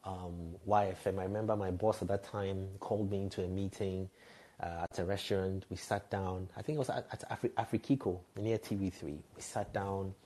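Low-pitched, warm and brisk with fairly even intonation, a Ghanaian man in his 30s tells candid, reflective stories as a podcast guest; he works as a radio and TV presenter. He speaks frankly and laughs lightly at himself.

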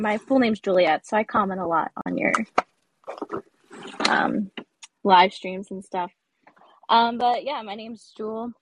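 A woman's voice: mid-range voice, husky, no room sound, low-quality recording. A young woman calling in to a talk show, talking casually with lots of "like" and "um". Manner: chatty, with frequent "like" and "um". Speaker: caller to a live-streamed talk show. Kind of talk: casual call-in chat.

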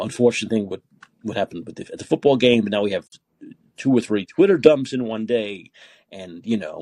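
Male call-in host, gravelly husky voice, loose rambling delivery, dry close mic. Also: fairly low pitch, darkish tone, dry recording. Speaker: podcast host. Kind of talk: call-in talk show.

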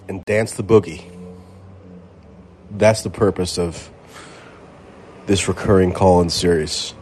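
A man's voice: on the low side, a little mellow, breathy edge. A man in his thirties hosting a casual call-in podcast, rambling in a wry, self-mocking way while getting over covid. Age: 30s. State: recovering from covid, coughing. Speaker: host.

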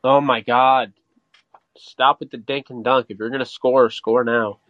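A man co-hosting a podcast, chatting through a football game as it airs. He reacts quickly and excitably and laughs often, at a middling pitch. The sound is dry and a bit dull and lo-fi. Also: no room sound. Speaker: podcast co-host. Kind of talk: casual live game commentary.

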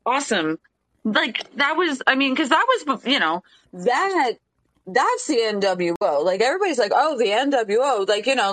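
A woman's voice: fairly high pitch, dry recording, poor audio. Emphatic woman wrestling panelist. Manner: emphatic and animated, repeats herself. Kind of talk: casual podcast chat.

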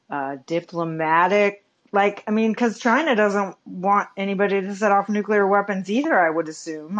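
A woman's voice: mid-range voice, highs cut off. A woman calling in to a podcast, asking her question in a hesitant, rambling way. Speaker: caller. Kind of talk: call-in question.

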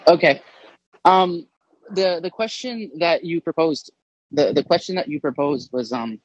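A man speaking up in an online audio room over a bad, breaking-up connection, halting and repeating his words. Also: a little high, no echo. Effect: breaking-up bad phone connection. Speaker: audience member invited to speak. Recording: dull lo-fi phone audio, dry.

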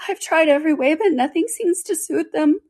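A woman voicing an indignant, fretful mother pigeon with a shrill, scolding manner in a storybook. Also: normal speed. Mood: aggrieved, fretful. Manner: scolding, exclamatory, aggrieved. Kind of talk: storybook character reading.

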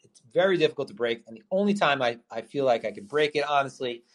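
A man's voice: medium pitch, animated, fast. A man hosting a live call-in podcast with casual trading talk, who rambles with lots of fillers and restarts, swears casually and has the hiccups. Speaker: podcast host.

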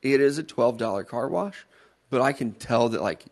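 A man's voice: mid-range voice, animated, normal speed, a little mellow. A man co-hosting a talk show, telling stories casually and bluntly, swearing freely. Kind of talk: casual banter and storytelling.

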